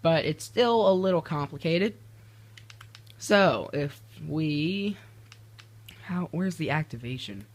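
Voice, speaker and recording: A man's voice: a little high, lively intonation, takes it slowly, long pauses. Young man rambling over gameplay. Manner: rambling, self-interrupting, easily exasperated. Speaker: gaming video creator. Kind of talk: casual gameplay commentary.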